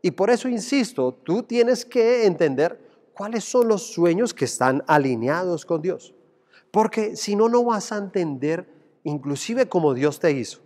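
A man's voice: high voice, expressive, unhurried, darkish tone, big-room sound. A man preaching a sermon as pastor, addressing listeners directly and acting out quoted voices.

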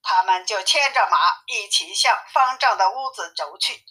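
A woman reading a classic tale aloud as a storyteller, in a lively, clear way. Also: medium pitch, normal speed. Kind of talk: children's story narration. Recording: tinny phone-like sound.

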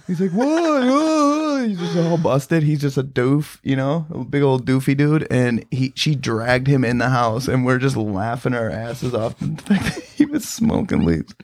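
A man's voice: mid-range voice, expressive, normal speed, creaky, hardly any pauses, darkish tone. A man telling rambling stories on a casual podcast, full of fillers and swearing. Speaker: podcast co-host. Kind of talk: casual storytelling chat.

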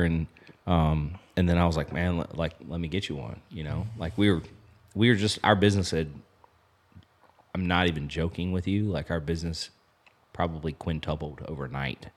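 This man has a deep, steady voice and a brisk delivery. In his thirties, he co-founded an apparel business and is a podcast guest at a lodge, telling a story in a loose, rambling way packed with filler in casual chat.

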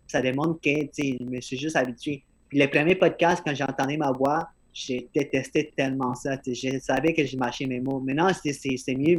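A podcast host, a man with an accent and slightly slurred articulation, talking earnestly in a casual conversation and often repeating words as he starts a thought. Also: medium pitch. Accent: non-native-sounding French accent.

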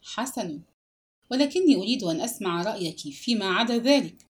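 Determined young woman, voiced by the narrator, plain and steady. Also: mid-range voice, brisk, close to an everyday voice. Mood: firm. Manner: firm, steady.

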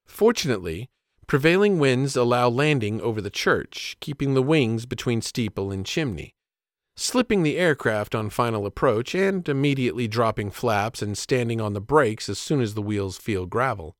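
Male storyteller, plainspoken, animated intonation, dead-dry close mic. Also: medium pitch, normal speed, no echo. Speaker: storyteller and father. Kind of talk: scripted narration of a personal story.

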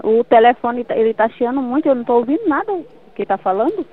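A woman with a Brazilian accent on a phone call, repeating forceful commands in a deliverance prayer. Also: a little high, animated, quick pace, no room sound. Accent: Brazilian Portuguese. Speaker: church worker on a phone call.

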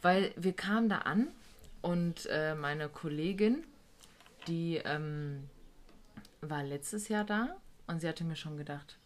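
A woman's voice: deep voice, slow pace. A woman telling a story from her work as a care worker in a casual chat. She is blunt, swears, and acts out the dialogue. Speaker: guest recounting a work trip; care worker with a residential group.

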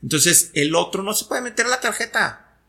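A man's voice: sits high, expressive, moderate pace, creaky, sharp tone. A man who hosts a talk show and explains ideas with everyday examples, often checking that he is understood. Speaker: host. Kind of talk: conversational teaching.

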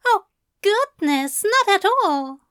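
A woman voicing a fussy, gentle male angel who speaks in a prim, courteous, old-fashioned way. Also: extremely high pitch, big pitch swings, slow pace, no room sound, clean studio sound, pitched above the performer's own voice, heavily acted. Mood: adoring. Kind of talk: fan audiobook reading.

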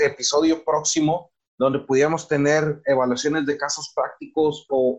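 A man with a Mexican Spanish accent hosts a casual podcast interview and addresses his guest in a friendly way. His voice is slightly high. The recording sounds dull and lo-fi. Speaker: podcast host. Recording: dull lo-fi audio.

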